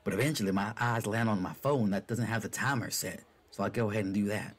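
Low husky-voiced man narrating a story. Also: quick pace. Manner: relaxed, casual, breaks off to laugh at his own slips. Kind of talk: first-person story narration.

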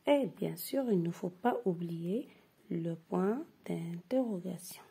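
Slow, husky-voiced woman teaching. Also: on the low side, lively intonation, mellow. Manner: reads example sentences slowly and repeats them; drops to a breathy half-whisper when explaining. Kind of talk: slow step-by-step grammar lesson.

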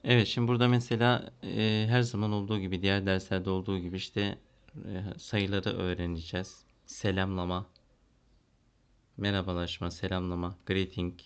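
A Turkish man who teaches English at a primary school walks through a lesson, translating and thinking aloud with fillers. His clean-toned voice sits low with little pitch movement at a normal speed, captured in a dull lo-fi recording.

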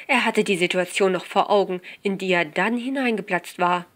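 A woman narrating a short crime story, reading it aloud in a steady storytelling manner. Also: mid-range voice, moderate pace.

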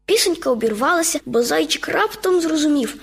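Expressive woman reading a kids' radio story. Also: sits high, fairly quick, creaky. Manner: lively, expressive. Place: radio studio.

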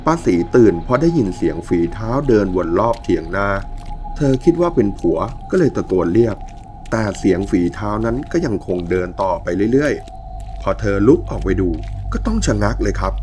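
Low-voiced man telling a ghost story. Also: faint music behind. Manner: calm, measured storytelling with quoted dialogue. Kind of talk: scripted storytelling narration.

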